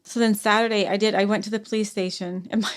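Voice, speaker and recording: A woman in her forties, a podcast guest, tells a personal story in conversation. She speaks softly and haltingly, sighing and restarting often, in a mid-range voice with flat delivery.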